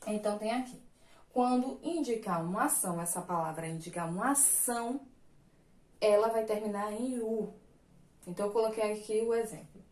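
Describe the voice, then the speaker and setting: A woman's voice: medium pitch, normal speed, darkish tone. A woman teacher giving a recorded class, explaining patiently step by step and often checking in with her students. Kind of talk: recorded online class lesson. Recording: echoey room.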